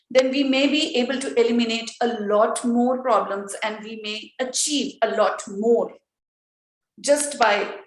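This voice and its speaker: Woman hosting a webinar, polite formal tone, kinda high voice, echoey room. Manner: polite, formal turn-giving. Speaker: webinar moderator. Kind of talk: hosting a live online session. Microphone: video call. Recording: echoey video-call room.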